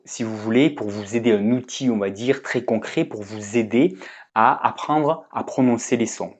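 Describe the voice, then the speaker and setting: A man's voice: mid-range voice, a little mellow, dull audio. A man teaching pronunciation in a casual video lesson, talking conversationally and often checking in with his viewers.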